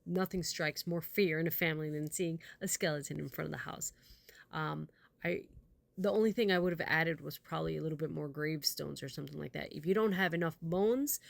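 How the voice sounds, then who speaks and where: Woman, slightly low pitch, contest judge, casual critique, encouraging, gentle suggestions, dry sound. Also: creaky, no echo. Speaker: judge giving feedback on Lego builds.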